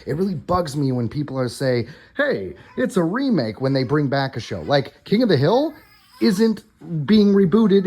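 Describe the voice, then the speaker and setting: With a slightly high, somewhat mellow voice that has a breathy edge, a man runs a casual podcast from a hotel room during his vacation. He speaks informally, calls his listeners "guys," and goes through news updates on his own.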